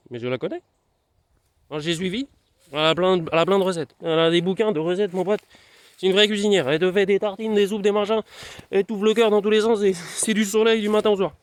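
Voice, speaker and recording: A high-pitched young man chats away in a loose, playful ramble, talking straight to his viewer. He is outdoors in a garden with his dog, and his voice sounds close and dry. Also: fast talker, no room sound. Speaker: vlogger. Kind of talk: casual outdoor vlog chat.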